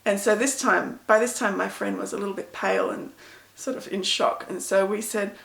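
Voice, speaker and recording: A woman's voice: mid-range voice, steady tone, moderate pace, gravelly, a bit bright, echoey room. A middle-aged woman, chatting to camera as an author answering reader questions in a self-deprecating, storytelling way. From Pakistan. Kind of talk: casual talk to camera.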